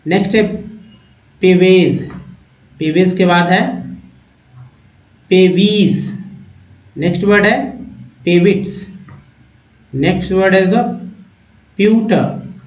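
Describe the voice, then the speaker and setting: A man leads an English vocabulary lesson, sounding out each word slowly and calling his viewers friends. His voice sits fairly high and he speaks at an unhurried pace. The recording has a noticeably roomy, echoey sound. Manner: slow, drawn-out word-by-word pronunciation drill; chatty, addresses viewers as friends. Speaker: English teacher. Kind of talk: vocabulary lesson with pronunciation drill. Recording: echoey room.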